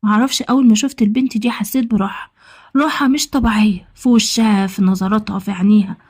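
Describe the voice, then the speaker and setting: A woman with an Egyptian accent tells a story in the first person as a man of about thirty, talking fast and acting out the dialogue herself. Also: mid-range voice, steady tone, darkish tone, lightly acted. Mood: eager. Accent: Egyptian Arabic. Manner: rapid, conversational retelling with quoted dialogue. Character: man around thirty, newly married, smitten and confessional.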